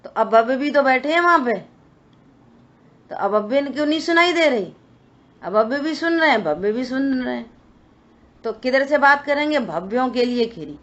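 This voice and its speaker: Woman, scripture teacher, fairly high voice, asks and answers herself, muffled lo-fi audio. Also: animated, normal speed, pauses often, fairly bright tone. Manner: explanatory, asks and answers her own questions. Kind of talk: explaining scripture in a study session. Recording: dull lo-fi recording.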